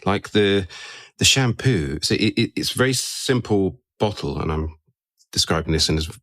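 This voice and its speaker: Male podcast host, very deep voice, dry close sound, chatty with lots of tag questions. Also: lively intonation, moderate pace, fairly bright tone, no echo. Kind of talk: casual interview chat.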